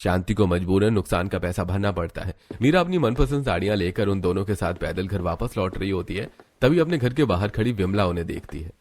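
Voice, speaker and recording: Guy narrating a cartoon story, steady and plain, lowish voice. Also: a little fast, few pauses.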